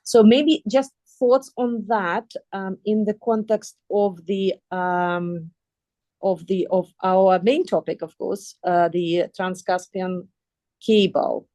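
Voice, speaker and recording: A woman from Kazakhstan moderates a webinar panel in a mid-range voice. She thinks aloud and fills her pauses with ums and repeated words. Her call audio is close and dry. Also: medium pitch, steady tone, dark tone, no room sound. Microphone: video call.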